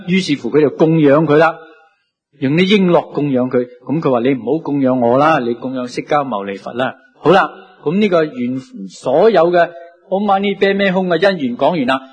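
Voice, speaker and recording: A man with a Cantonese accent giving a Buddhist sermon, telling it lively with many drawn-out sentence endings. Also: sits high, husky. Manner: lively storytelling with many sentence-final particles. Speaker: Buddhist teacher.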